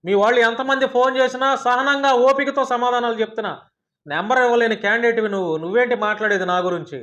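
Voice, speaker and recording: A male journalist and YouTuber, delivering a combative, heated rant at a critic full of rapid-fire rhetorical questions. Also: very high voice, fairly even intonation, a bit bright, lo-fi sound.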